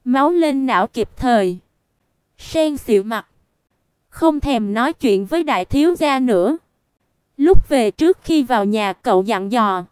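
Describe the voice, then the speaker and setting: A woman narrating a storybook in an even, unhurried reading that voices the punctuation aloud. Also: fairly high pitch, smooth, no echo, studio quality.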